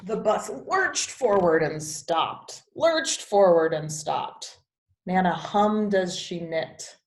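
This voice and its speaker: A woman reading a children's picture book aloud as a teacher, with expressive storybook narration. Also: fairly low pitch, slow. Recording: echoey, roomy sound.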